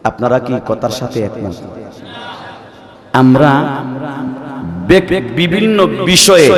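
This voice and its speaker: A man preaching a fiery sermon, swinging between shouted lines and low asides and quizzing his audience. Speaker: preacher at a religious gathering. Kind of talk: fiery sermon with chanted recitation. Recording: echoey PA sound in a big hall with crowd.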